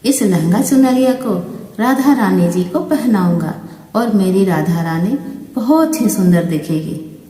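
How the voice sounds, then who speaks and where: A woman's voice: medium pitch, expressive, a little slow, warm tone, close to an everyday voice. A woman voicing a devout old male saint in his eighties who speaks with earnest, longing devotion. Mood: joyful. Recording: roomy distant mic with long reverb.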